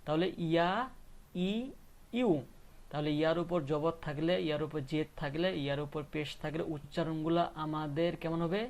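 Slow, patient man drilling letter sounds. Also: a little high, little pitch movement, a little mellow. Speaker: Quran reading teacher. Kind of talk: step-by-step recitation lesson.

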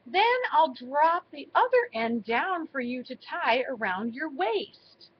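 A woman's voice: high-pitched, very animated, takes it slowly, lo-fi sound, slight background noise, exaggerated voice. A woman voicing an eager, adventurous young female mouse in a storybook reading. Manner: eager, persuasive.

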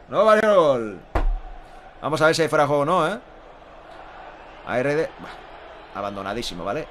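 A man's voice: fairly high pitch, bright, forceful tone, slight background noise. A man in his thirties with an accent from Spain gives live Spanish football goal commentary as a fan, emphatic, repetitive and exclaiming. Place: small indoor room at home.

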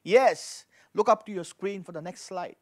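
A pastor in his forties preaches a sermon into a handheld microphone at a lectern, in an indoor studio with a dark backdrop. His voice is high-pitched and a little mellow, at a moderate pace, as he reads scripture and repeats key phrases with emphasis.

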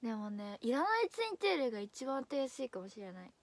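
Young woman idol chatting, high voice. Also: very animated, fast, dry recording. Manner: chatty, drifts between high and low voice, laughs often. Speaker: idol streamer. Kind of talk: casual livestream chat.

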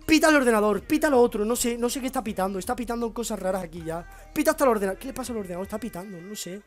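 A hoarse young man with a Spain Spanish accent, excitably commentating his own gameplay as a YouTuber, breaking into shouts and rambling. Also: sits high, very fast, soft background music. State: hoarse, sore throat. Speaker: gaming YouTuber.

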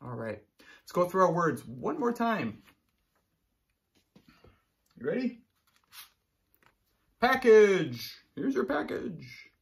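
A thirty-something teacher takes it slowly as he reads aloud and explains to children in a small room, pausing often and checking in with them. His high voice is very animated and has some vocal fry.

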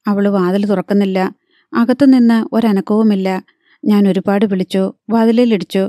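Young brother, read by a woman, urgent, hurried, mellow tone, storybook. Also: mid-range voice, fairly even intonation, no room sound, clean studio sound, close to an everyday voice. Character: young man, worried elder brother.

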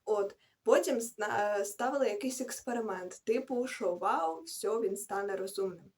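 With a medium-pitched, somewhat mellow voice and a moderate pace, this young woman rambles through book reviews for her vlog. She keeps correcting herself and dropping slangy side comments.

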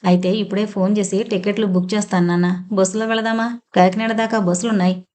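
A woman's voice: medium pitch, level tone, quick pace, a little mellow, natural voice. A woman reading the part of a troubled, hesitant middle-aged man speaking to his father in an audiobook story. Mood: subdued. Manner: hesitant, subdued.

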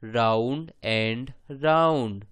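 A man reading aloud for beginning readers, deliberately and word by word, with long pauses between phrases. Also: medium pitch, fairly bright tone, clear, resonant tone, dry recording.

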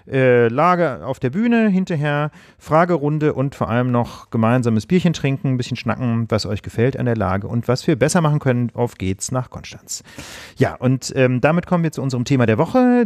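A man's voice: medium pitch, darkish tone, no room sound, studio quality. A man co-hosting a political podcast, chatting in a conversational way and asking follow-up questions. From Germany. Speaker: podcast co-host, lawyer.

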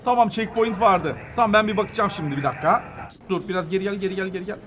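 A man hosting a children's gaming video, giving excited let's-play commentary with his son, shouting reactions and throwing in English exclamations. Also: high-pitched, very fast, a little hiss or hum. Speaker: gaming channel host playing with his son.

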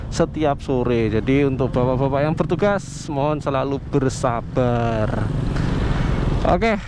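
A man's voice: medium pitch, unhurried. A young man, chatting casually to viewers as he rides a motorcycle through heavy traffic. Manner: chatty, addresses viewers warmly as friends. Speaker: motovlogger. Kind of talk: casual narration while riding. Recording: faint traffic noise behind.

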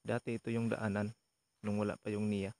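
Speaking fairly quickly in a low, flat, darkish voice, a young vlog host ghost hunts outdoors at night around an abandoned building, offering casual commentary as he explores. There's no echo, but the outdoor recording is noisy with insects.

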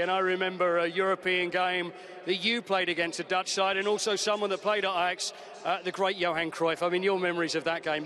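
Effusive interviewer man, bright high voice. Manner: effusive, enthusiastic fan-like questioning. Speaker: club TV interviewer. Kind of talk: pitchside interview. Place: outdoor stadium pitchside. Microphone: handheld mic.

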